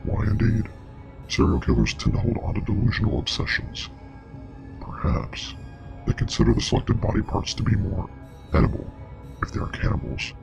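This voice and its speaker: Playing a parasite expert and investigator in a web horror drama script, a man speaks with grave, knowing authority, measured and clinical with an ominous edge. His voice is fairly low, breathy, gravelly, and expressive, set against background music.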